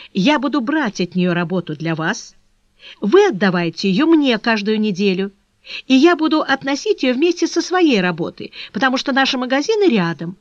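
A woman's voice: fairly high pitch, no room sound, pitched above the performer's own voice, close to an everyday voice. A woman voicing an eager, breathless young flower girl. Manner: excited, pleading, breathless exclamations. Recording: dull dry lo-fi recording.

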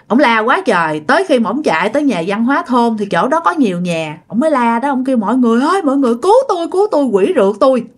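A woman's voice: fairly high pitch, fairly bright tone. A woman with a Southern Vietnamese accent narrating a ghost story in a chatty way, addressing listeners directly.

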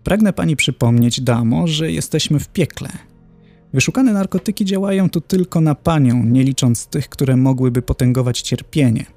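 A man's voice: mid-range voice, expressive, moderate pace, a little mellow, no echo, faint music behind. A man playing a stern, indignant professor who tortures souls in hell, in a horror audiobook. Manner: indignant, severe.

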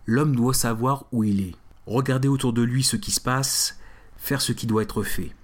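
A man giving semi-scripted commentary as a film reviewer, explanatory with casual asides. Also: medium pitch. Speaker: film reviewer narrating the show.

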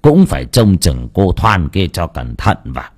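A man voicing a calm, seventy-year-old male exorcist who speaks low and measured, with a husky voice. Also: full character voice. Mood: instructing.

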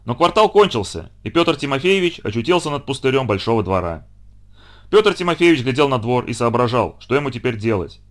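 A man reading a children's story aloud with expressive, dramatic narration. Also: medium pitch, brisk.

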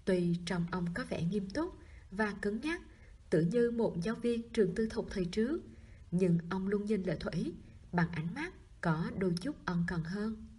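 A woman narrating a novel in a soft reading voice that often drops to a whisper. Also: medium pitch, expressive, moderate pace, breathy edge. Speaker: audiobook narrator.

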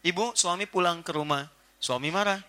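A man giving a religious lecture to a live audience, animated and playful, acting out little household scenes. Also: high-pitched, moderate pace. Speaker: preacher.

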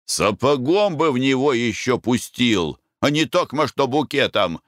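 A man voicing a coarse, rowdy middle-aged merchant who shouts and curses boisterously. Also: mid-range voice, lively intonation, a little slow, no room sound, clean studio sound. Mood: gleeful scheming.

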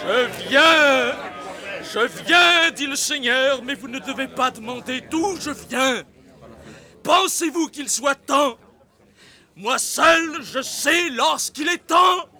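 An actor playing a fanatical young man who prophesies in the Lord's name, declaiming fervently with shouted outbursts in a classic stage drama. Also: very high-pitched, takes it slowly, a crowd in the background, heavily acted. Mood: prophetic.

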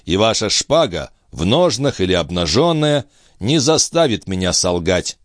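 A man voicing a calm, firm middle-aged doctor in an audiobook, speaking in a measured, insistent way. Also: fairly low pitch, no room sound, clean studio sound.

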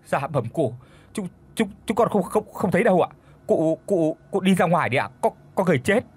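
A man's voice: sits high, animated, a little fast, slightly rough, pitched above the performer's own voice, heavily acted. A man voicing a timid household servant who stammers respectfully. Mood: fearful. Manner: stammering, deferential.

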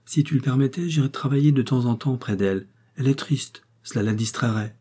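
A man voicing a shy, kind young woman who asks timid, gentle questions in a storybook reading. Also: medium pitch, a little fast, breathy edge, pitched above the performer's own voice, natural voice.

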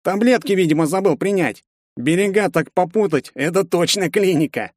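A man's voice: high-pitched, normal speed, darkish tone, dry recording, clean studio sound, pitched above the performer's own voice. A man voicing a nasal, menacing red-haired young male street thug in an audiobook. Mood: threatening. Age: young adult. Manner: menacing, mocking. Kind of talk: audiobook character voice.

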